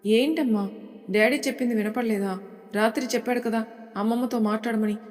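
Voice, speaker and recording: A woman's voice: on the high side, steady tone, a little fast, darkish tone, close to an everyday voice. A woman storyteller voicing a spoiled young granddaughter who insists and pleads sharply; the recording has a long hall reverb. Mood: demanding.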